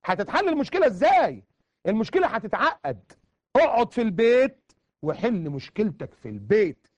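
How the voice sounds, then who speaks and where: A man's voice: high voice, wildly swooping pitch, fairly quick, no room sound. A man preaching a colloquial sermon in an Egyptian accent, emphatic and repeating words for stress.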